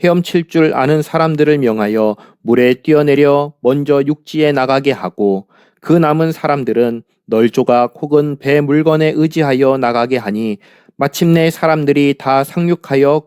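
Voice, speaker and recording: Smooth, mellow man reading scripture. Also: mid-range voice, dry recording, studio quality. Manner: steady, measured reading with formal phrasing. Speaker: church Bible reader.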